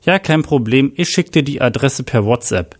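A man's voice: mid-range voice, expressive, normal speed, close to an everyday voice. A man reading as a hot-tempered detective. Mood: brisk. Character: hot-tempered male detective under pressure.

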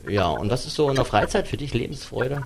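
A man hosting a live radio chat show, talking haltingly with many fillers and restarts. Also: mid-range voice, lively intonation, creaky, a crowd in the background. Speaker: radio host.

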